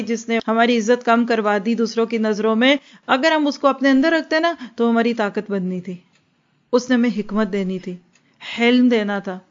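Brief: female religious teacher, earnest lecture, slightly high voice, dull lo-fi sound. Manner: earnest, acts out mothers and children in quoted asides. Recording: dull lo-fi recording.

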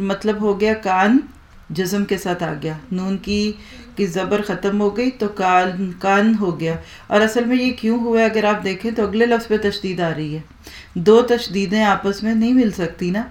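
A woman teaching Quranic Arabic grammar to a class, explaining patiently and asking the students to repeat after her. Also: mid-range voice. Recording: echoey room.

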